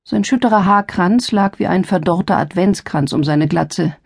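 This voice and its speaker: A woman reads a contemporary novel aloud in the first person, lively and close to the mic. Her voice has a slight husky, gravelly edge, and the recording is dry, with no room sound. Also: fairly low pitch, normal speed, no room sound. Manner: lively first-person storytelling, acting out dialogue. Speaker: audiobook narrator. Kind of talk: scripted narration.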